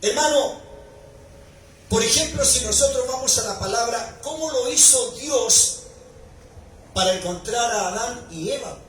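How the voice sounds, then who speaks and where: A male pastor preaching a sermon, building to shouted emphasis at key points. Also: extremely high pitch, measured pace, long pauses. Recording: echoey hall recording from far off, faint noise.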